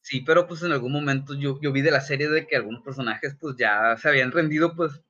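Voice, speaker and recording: A young man, co-hosting a casual podcast chat, slangy and full of swearing and animated asides. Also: mid-range voice, fast. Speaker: podcast co-host. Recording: dull lo-fi sound.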